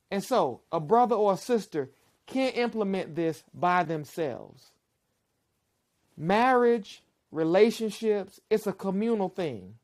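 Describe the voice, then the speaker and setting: A woman giving measured, persuasive relationship advice in a documentary interview. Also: fairly low pitch, darkish tone. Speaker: relationship speaker.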